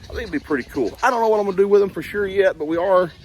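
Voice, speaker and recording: A man's voice: high voice, rapid-fire. A man chatting casually to camera on a windy farm, rambling and folksy with plenty of "uh" and "y'all". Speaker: farm vlogger. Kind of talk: casual vlog talking to camera. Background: wind and farm animals.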